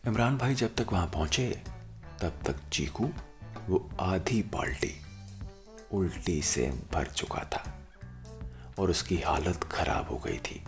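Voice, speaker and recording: A man narrating a scripted story dramatically, with deliberate, suspenseful pauses. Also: deep voice, animated, soft background music.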